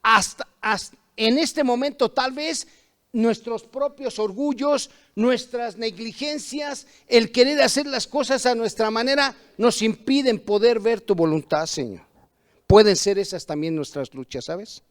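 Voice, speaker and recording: A man with a high-pitched voice preaches a sermon, streamed online from a church service. He reads passages of scripture aloud and then drives his points home with emphatic rhetorical questions. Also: a little slow. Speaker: pastor.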